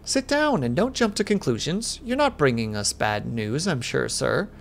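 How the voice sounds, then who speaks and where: Man voicing a fretful elderly mother, kindly, gravelly edge, storybook reading. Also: on the high side, very animated, moderate pace, slight background noise. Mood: alarmed.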